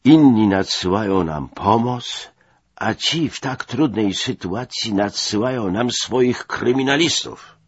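A man's voice: lowish voice, lively intonation, slow, slightly rough, no room sound, muffled recording, pitched above the performer's own voice, heavily acted. Man doing an indignant old admiral.

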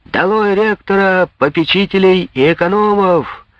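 A man plays a brash young student hurling loud, high taunts. His voice climbs well above his normal register and swings wildly in pitch. The recording is close and dry. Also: sing-song, slow pace, creaky, no room sound, highs cut off, full character voice. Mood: jeering. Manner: loud, jeering, high shouts. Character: rowdy mocking young male student, shouting taunts.

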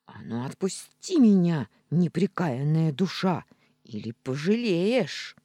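Reader doing a blustering talking tomcat for an audiobook, loud and drawn-out. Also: medium pitch, big pitch swings, no room sound. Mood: furious. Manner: loud blustering threats and complaints. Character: big fluffy tomcat, belligerent and theatrical. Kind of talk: audiobook reading.

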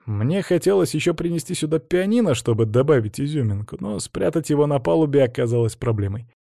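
A cheerful, teasing young man, as a male narrator reads him in a storybook scene, sure of himself and fond of jokes. His tone is warm and mellow, close and dry with no room around it. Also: fairly high pitch, lively intonation, fairly quick, creaky, no echo, voice pushed up. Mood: playful. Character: young man, playful, confident, romantic.

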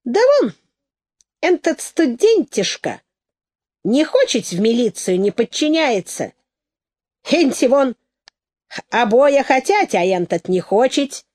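A woman's voice: high voice, very animated, slow, pauses often, darkish tone, pitched above the performer's own voice, full character voice. A woman playing a pompous rustic busybody man. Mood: smug. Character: pompous man in a hat, self-important.

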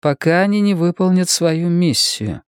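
Here is a stern woman leader of a government, measured and commanding, as a male audiobook reader puts her on. The voice sits well above his own and moves a lot in pitch, quietly sure of itself. The sound is dry and close. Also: lively intonation, clear, resonant tone, dry recording, close to an everyday voice. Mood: quietly probing. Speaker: political leader.

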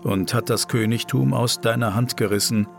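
A man's voice: mid-range voice, fairly even intonation, normal speed, creaky, faint music behind, lightly acted. A man reading the part of the stern ghost of an old male prophet, grave and reproachful.

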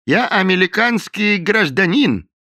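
A man voicing an impassive, sly male cook who answers calmly and deliberately, with mild mockery. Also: high-pitched, no room sound, clean studio sound, voice pushed up, exaggerated voice. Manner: calm, deliberate, mildly mocking.

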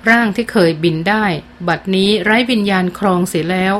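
A woman narrating a novel in a measured, expressive storytelling manner. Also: mid-range voice, slight background noise. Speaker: audiobook narrator. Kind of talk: scripted narration.

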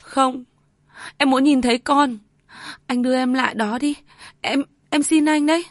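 A woman's voice: high voice, steady tone, a little slow, dry recording, studio quality, voice pushed up. A woman reading aloud voices a frantic young mother, pleading and breathless with tears.

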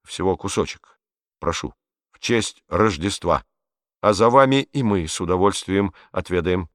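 A man's voice: low voice, lively intonation, measured pace, fairly bright tone, no room sound, studio quality, in a large hall. A man voicing a nervous male chauffeur who speaks with stiff, anxious eagerness.

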